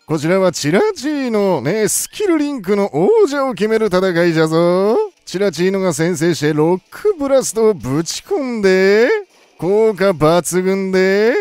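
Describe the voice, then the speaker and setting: A game streamer calling competitive battle moves play by play, excitable and talking through each decision aloud in a playful old-man way of speaking. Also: mid-range voice, no echo.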